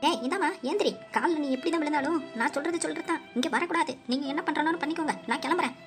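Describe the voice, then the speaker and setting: A woman voicing a harsh, stubborn landlady in a cartoon, scolding and curt, with loud music behind her. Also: sits high, very fast, close to an everyday voice. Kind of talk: cartoon voice acting.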